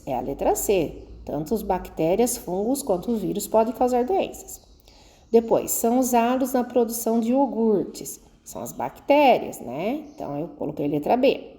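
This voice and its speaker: A mellow-voiced woman leads a recorded science lesson for children. She moves through the exercises patiently, one step at a time, and keeps checking in with her pupils as she goes. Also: fairly high pitch. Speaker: schoolteacher.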